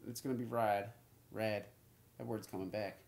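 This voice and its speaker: A man's voice: fairly low pitch, steady tone, moderate pace, creaky, a little mellow. A man acting in comedy outtakes, improvising and reworking his lines with coarse language. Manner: profane, repeats lines with new endings. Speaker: actor recording comedy outtakes. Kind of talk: comic dialogue takes with improvised riffing.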